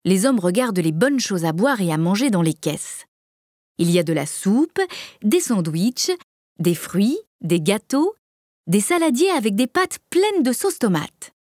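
A woman reading a children's story aloud with clear, measured storytelling. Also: medium pitch, very animated, darkish tone, dry recording, studio quality. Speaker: narrator.

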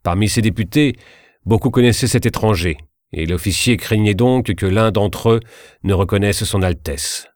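A man narrating a historical story in a measured, steady reading. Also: on the low side, no echo, clean studio sound.

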